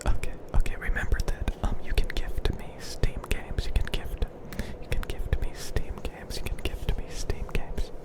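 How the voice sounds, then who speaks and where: A man's voice: normal speed, few pauses. A man gives a whispered ASMR ramble right up in the listener's ear. His voice is all breath with no tone, and he circles back over short phrases again and again on a close microphone. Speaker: ASMR channel host.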